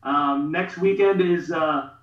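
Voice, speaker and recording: A Pakistani man in his thirties, an artist promoting a campaign, joins a casual video call interview as a guest from a home studio room. He speaks slowly in a fairly high voice, earnestly and with many fillers. Captured by a webcam, the call audio sounds roomy and dull.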